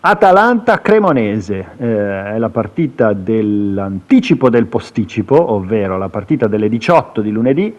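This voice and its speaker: An Italian man commentating on football video game highlights in a casual, improvised way, chatty and hesitant with lifts into excited play-by-play. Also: normal speed, few pauses. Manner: chatty, with asides and hesitations, lifting into excited calls on chances.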